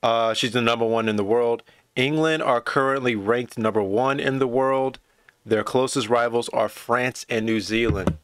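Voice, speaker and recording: A man streaming a rugby match, chatting casually and excitedly to his viewers as he reacts to the play. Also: medium pitch, normal speed, smooth, dry recording, studio quality. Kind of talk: casual live reaction commentary.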